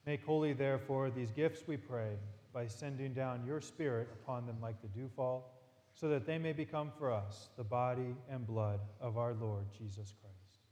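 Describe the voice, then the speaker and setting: A male priest recites the prayers of the Mass in a solemn, measured intonation. His mid-pitched voice rings out with a long cathedral echo that hangs in the air of a large church. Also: fairly even intonation, darkish tone. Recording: long reverberant church hall.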